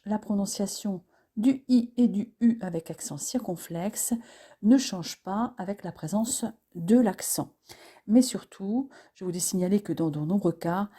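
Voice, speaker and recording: A woman teaching French pronunciation, explaining accents and sounds slowly and carefully, with occasional hesitations. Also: medium pitch, warm tone, slightly rough. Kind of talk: pronunciation lesson.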